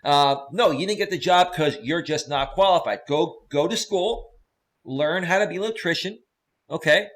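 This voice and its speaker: A man's voice: on the high side, normal speed, fairly bright tone. A man hosting a live stream, talking casually and with opinions, repeating himself for emphasis as he addresses guest and audience. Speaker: live show host.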